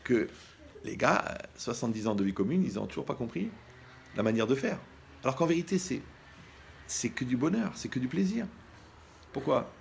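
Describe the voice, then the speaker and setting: A man gives a humorous sermon as a rabbi, speaking casually and straight to his listeners. His voice sits in a middle register with a strong gravelly fry. He jokes freely and slips into acted-out scenes as he goes. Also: medium pitch, normal speed, pauses often, a little hiss or hum. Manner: lively, joking, talks to the listener directly, acts out scenes.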